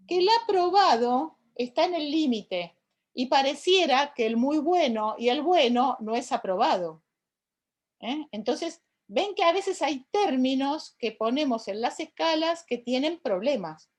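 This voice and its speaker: A woman lecturer with an Argentine Spanish accent, explaining points in an online class and often checking in with tag questions. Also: high voice. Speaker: university lecturer.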